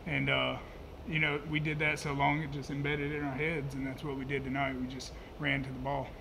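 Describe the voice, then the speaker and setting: A young man in his twenties speaks at a press table mic with a flat, level delivery and few rises in pitch. He talks in a laid-back, plain way, full of filler words. Steady background noise sits under the voice. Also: brisk, vocal fry. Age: 20s. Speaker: college football player. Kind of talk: post-game press conference answers. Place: press conference room, indoors. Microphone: table microphone.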